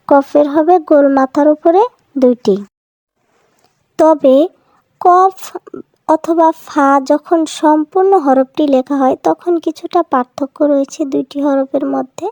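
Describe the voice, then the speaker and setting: A woman's voice: sits high, mellow, no echo. A woman teaching children to read Quranic letters in a cartoon lesson, voiced over the animation. She patiently sounds out each syllable and repeats it twice. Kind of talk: slow phonics drill for children.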